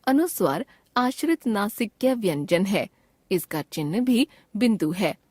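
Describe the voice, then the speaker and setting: Slow, careful woman reading a grammar lesson. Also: medium pitch, breathy edge, no room sound. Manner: repeats each word twice for pronunciation drill; steady, measured recital of grammar rules. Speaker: Hindi grammar teacher.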